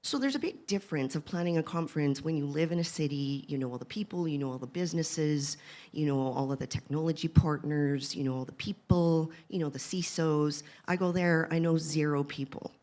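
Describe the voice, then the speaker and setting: A woman's voice: sits low, a little fast, warm tone. A woman from Saskatoon speaking on a live conference panel, chatty and emotional, laughing often as she talks about building a community. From Canada (Saskatoon). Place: conference stage, live audience.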